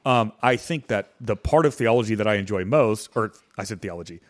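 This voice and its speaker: A man's voice: fairly low pitch, expressive, a little fast. A young adult man hosting a casual podcast, explaining ideas in a rambling way with lots of fillers and restarts. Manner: rambling, self-correcting, heavy on fillers. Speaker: podcast host. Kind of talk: casual chat and teaching.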